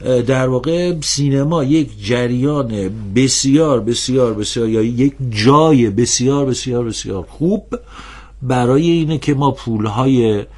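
A man in a TV studio panel discussion, talking at an ordinary pitch for a man. He is earnest and critical. He pauses often and stretches his filler sounds while he gathers his thoughts. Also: darkish tone. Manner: hesitant, with many drawn-out filler sounds. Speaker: guest on a discussion show.

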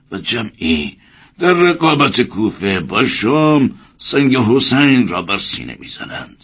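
A grave and wise elder leader, played by a male actor speaks low and husky. His pitch swings widely as he weighs each word in this spoken drama. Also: a bit bright, full character voice. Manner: solemn, measured.

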